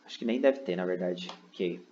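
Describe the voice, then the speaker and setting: A male teacher with a low-pitched, mellow voice explains a recorded online lesson at normal speed from his computer indoors. He proceeds step by step, frequently checking in with "né?" and "ok?". The sound is lo-fi with slight background noise.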